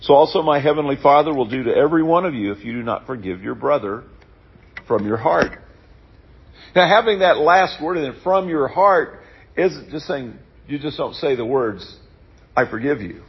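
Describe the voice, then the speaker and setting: Husky-voiced man preaching a sermon. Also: medium pitch, expressive, normal speed, dull audio. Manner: conversational, folksy asides. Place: church.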